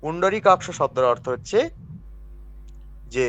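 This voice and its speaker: A man teaching a class on priestly rites, explaining slowly, repeating key syllables and asking the class questions. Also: a little high, animated, a bit bright, muffled recording. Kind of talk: classroom lecture.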